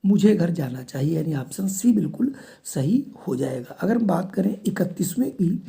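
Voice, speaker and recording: A male teacher working through exam questions, reading each sentence out slowly and then calmly correcting it. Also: high-pitched, creaky. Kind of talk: exam-prep lesson.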